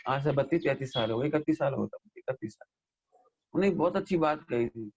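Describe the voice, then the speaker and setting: A man gives a lively scripture discourse, scolding and questioning his listeners. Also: medium pitch, fast talker, muffled recording. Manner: animated, scolding, mimics listeners and asks them questions. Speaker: Jain scholar giving a scripture discourse. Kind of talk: sermon.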